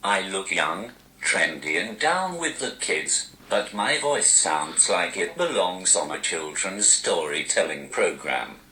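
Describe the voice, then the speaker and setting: A man's voice: low-pitched, lively intonation, takes it slowly, few pauses, sharp tone, roomy sound, a little hiss or hum, low-quality recording. A man, a stand-up comedian, answering interview questions through a text-to-speech device whose voice sounds posh and robotic, with a dry, self-mocking delivery. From Newcastle, England.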